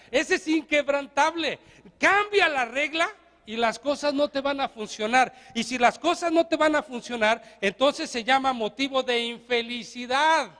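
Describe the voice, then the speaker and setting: A man's voice: very high voice, fairly bright tone, big-room sound. A man with a Mexican accent, a pastor giving a sermon in a conversational way, often asking the congregation questions. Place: church.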